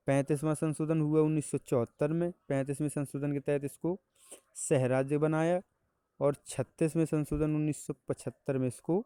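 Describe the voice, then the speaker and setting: A man's voice: fairly high pitch, dark tone, clear, resonant tone, dry recording. Man teaching with repeated checks. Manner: repeats key dates with tag questions. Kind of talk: exam-prep lecture.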